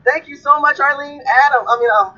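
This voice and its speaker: A woman hosts a livestream, lecturing her audience in an emphatic, repetitive, preaching style. Her high voice is pushed and bright, her pace a little fast, and the stream audio is dull and lo-fi.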